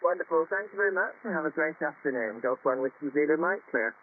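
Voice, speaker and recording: Male amateur radio caller, fairly high voice, crackly tinny narrow band, signal-check exchange. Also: expressive, fast talker. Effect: two-way radio. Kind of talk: ham radio contact exchange.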